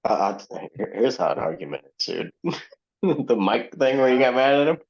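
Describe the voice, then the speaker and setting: A man's voice: medium pitch, sing-song, normal speed, gravelly, a little mellow. A man guesting on a podcast over a video call, telling a loose, rambling story with laughs and restarts. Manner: rambling, laughing, self-correcting. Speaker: podcast guest, band member. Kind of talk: casual storytelling. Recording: muffled video-call audio.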